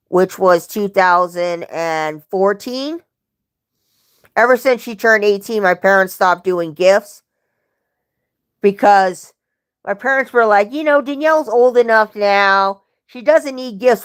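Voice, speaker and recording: A young woman chatting casually on a livestream speaks slowly and animatedly, her medium-pitched voice clear and resonant. She tells rambling family stories, often correcting herself.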